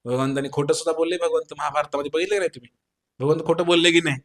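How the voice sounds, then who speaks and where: A man from Maharashtra preaches a devotional sermon in a bright, forceful voice that sits a little high. He fires rhetorical questions at his listeners and checks in with a quick "hm?". He slips into the voices of the people he quotes. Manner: animated, mimics the people he quotes.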